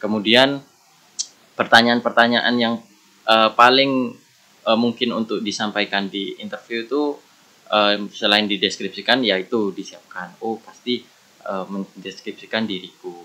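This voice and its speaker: A man's voice: lowish voice, steady tone, a little slow, bright, forceful tone, rough recording. A man gives casual career advice as a podcast guest, earnest and meandering, often restarting his sentences.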